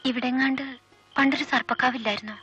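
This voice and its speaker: A woman's voice: high-pitched, steady tone, quick pace, muffled recording, soft background music. A curious teenage girl. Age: teen. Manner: gentle, curious questions. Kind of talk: 1980s film acting.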